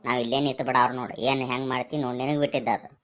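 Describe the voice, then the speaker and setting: A pushy young village friend, played by a woman, coaxes and wheedles in a low, quick voice. He has a North Karnataka Kannada accent and the easy patter of a comic skit. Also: fairly even intonation.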